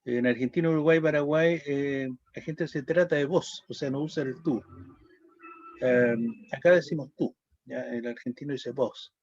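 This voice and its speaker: A man's voice: medium pitch, normal speed, darkish tone, muffled recording, slight background noise. A man with a Chilean accent giving a school lesson, explaining step by step and checking in with "¿ya?" and hesitant "eh" sounds. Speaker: teacher. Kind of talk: lecturing a class.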